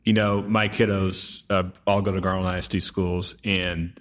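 Low-voiced man hosting a conversational interview. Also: flat delivery, normal speed, a bit bright. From Texas, United States. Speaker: interviewer and host.

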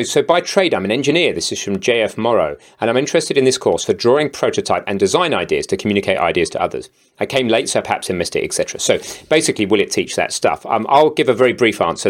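A male host runs a live question session, reading questions aloud and passing them on. He talks fast in a lowish voice and keeps things upbeat. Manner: upbeat, brisk moderating. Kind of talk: live online Q&A.

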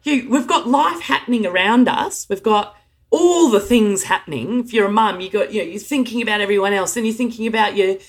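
A woman's voice: medium pitch, fairly quick. An adult woman in a heartfelt monologue, earnest and emotional, often stopping and restarting her sentences. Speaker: speaker sharing her experience of anxiety. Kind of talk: heartfelt direct-to-camera monologue.

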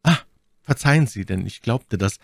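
A man voicing a cold, mocking English lord in an audiobook reading, with coolly sarcastic, measured threats. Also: mid-range voice, lively intonation, gravelly, no room sound, clean studio sound. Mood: ironic.

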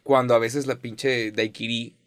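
Dude hosting a chat, lots of slang and swearing, normal pitch, dry sound. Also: male voice, a little slow, clean tone, dry recording. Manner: animated, heavy slang and swearing. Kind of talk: casual chat.

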